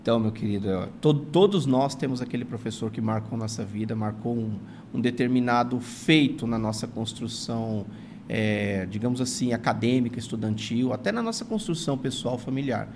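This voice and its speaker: Speaking at a moderate pace with a medium-pitched, darkish voice, a forties-aged man from São Paulo, Brazil, shares reflective stories from his life in an interview. He's a retired teacher and writer with a São Paulo accent, earnest and grateful, often saying "não é." Slight background noise runs underneath.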